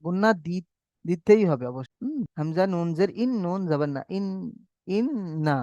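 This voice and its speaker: A man with a fairly high voice teaches Quran reading in a recorded online lesson. He drills each rule again and again, slowing right down to stretch out the recited examples. The sound is dry and dull, like a lo-fi recording. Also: animated, warm tone, no echo. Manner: patient, repetitive drilling, slow drawn-out recitation of examples.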